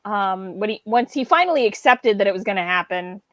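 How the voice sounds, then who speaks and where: A woman's voice: mid-range voice, lively intonation, a little fast, a bit bright, no room sound. A woman chatting casually during a movie watch-along, giggling often and explaining history at length. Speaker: podcast guest.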